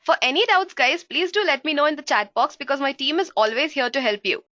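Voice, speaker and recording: A programming instructor with a high, bright voice leads a live coding tutorial, explaining each step and calling her audience "guys" again and again. She talks a little fast, and her livestream headset mic sounds dull and dry, with no echo or room sound.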